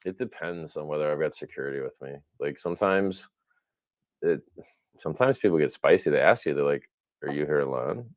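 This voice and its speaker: A man's voice: extremely low pitch, brisk, no room sound. A man ranting in a brash, profane way during a casual group call on a livestream, mocking others in put-on voices. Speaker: crypto project founder on a livestream.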